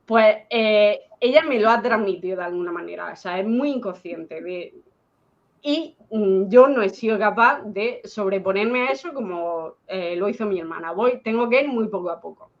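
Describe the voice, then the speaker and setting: A woman's voice: medium pitch, normal speed. Woman from spain chatting on a muffled video call, lots of "o sea", rambly. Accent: Spanish from Spain. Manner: chatty, many fillers and restarts, laughs a bit. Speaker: guest. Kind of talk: personal story in casual chat. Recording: dull lo-fi call audio.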